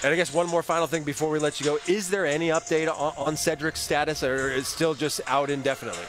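Higher-voiced man interviewer. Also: fairly even intonation, fast, music in the background. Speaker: radio play-by-play host. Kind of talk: postgame interview.

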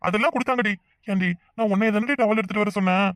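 Actor doing a young village husband in a cartoon, tirunelveli tamil accent, fast scolding rants, dry close sound. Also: medium pitch, fairly bright tone, no echo, close to an everyday voice. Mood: flustered, scolding. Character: hot-tempered young village husband, bashful and easily rattled. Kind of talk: cartoon comedy voice acting.

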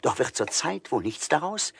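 A man's voice: on the high side, normal speed, vocal fry. A man narrating a rhymed fairy tale with mocking humor, switching into voices for the characters. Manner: lively, mocking storyteller voicing characters. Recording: studio record with music behind.

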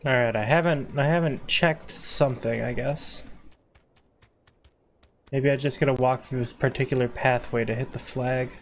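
A man's voice: mid-range voice, fairly even intonation, normal speed, a little hiss or hum. A man streaming a video game, giving casual, joking commentary, swearing freely and chatting with viewers.

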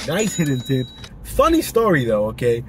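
A young man vlogs from behind the wheel, talking casually to a dash-mounted camera with plenty of fillers and restarts. His voice sits in the mid range, moving at a moderate pace with huge swings in pitch. Faint car noise hums in the background.

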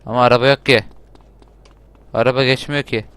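A man giving casual gameplay commentary, talking loudly and swearing and shouting at the game. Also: medium pitch, fairly even intonation, brisk, slight background noise. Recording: game music playing behind.

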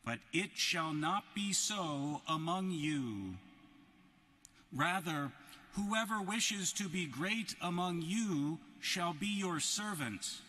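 A man giving a solemn, measured gospel reading at Mass in a large basilica, his voice ringing with cathedral echo. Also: sits high, lively intonation, bright, forceful tone. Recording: long cathedral reverb in a basilica.

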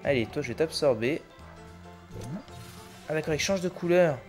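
A man's voice: fairly high pitch, moderate pace, a little mellow, soft background music. A man giving casual, chatty commentary while playing a video game, exclaiming and thinking aloud. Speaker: let's play gamer.

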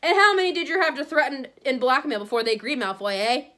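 A woman voicing a huge, gruff, loyal gamekeeper in a storybook, with blunt, rough rustic grammar. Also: medium pitch, moderate pace, fairly bright tone, lightly acted. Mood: furious. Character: huge gruff loyal gamekeeper man, hot-tempered, pleading.

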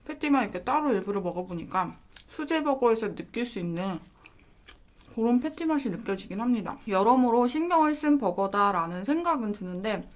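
A woman's voice: a little high, animated, brisk. A woman giving a casual mukbang food review in a polite, chatty manner, talking while chewing with her mouth full.

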